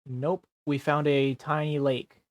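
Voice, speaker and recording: A man's voice: on the high side, little pitch movement, takes it slowly, no echo, clean studio sound. A man streaming a game, chatting casually and explaining things patiently in simple steps. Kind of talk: casual gameplay chat.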